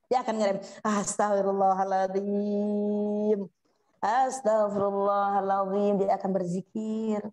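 A woman's voice: high voice, darkish tone. Woman leading an Islamic study circle. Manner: addresses listeners as Bunda, asks questions; acts out heartfelt prayers. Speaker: religious study teacher. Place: women's study gathering.

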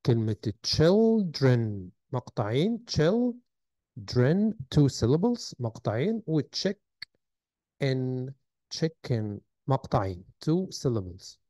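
A man's voice: medium pitch, very animated, extremely slow, mellow, no room sound. A man with an Egyptian Arabic accent, teaching a recorded textbook lesson and spelling out sounds and words carefully. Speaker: English teacher.

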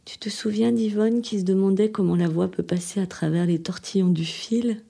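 A woman's voice: mid-range voice, moderate pace, gravelly, breathy edge. Actress as a desperate whispering jilted woman. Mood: tender, heartbroken. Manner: often drops to a hushed whisper, trembling and pleading. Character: desperate woman pleading on the phone with her departing lover. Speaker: actress reading a stage monologue. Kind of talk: dramatic reading of a theatre monologue.

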